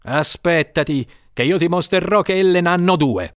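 A man's voice: high-pitched, moderate pace, no echo, clean studio sound, pitched above the performer's own voice, natural voice. A man voicing a proud, angry middle-aged nobleman who speaks sternly and with indignation.

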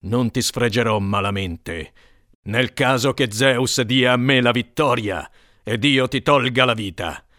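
A man's voice: medium pitch, measured pace, bright, forceful tone, dry recording, clean studio sound. A man playing Hector, grave and solemn. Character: doomed noble Trojan warrior prince, proud and brave. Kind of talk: dramatic epic reading.

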